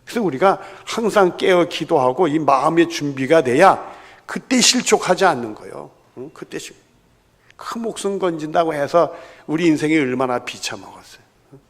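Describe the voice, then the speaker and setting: Animated preacher in a reverberant sanctuary. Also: male voice, fairly high pitch, moderate pace. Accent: Chungcheong-tinged Korean. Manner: animated storytelling, acting out quoted voices. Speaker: pastor. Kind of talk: sermon. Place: large church sanctuary. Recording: long church hall reverb.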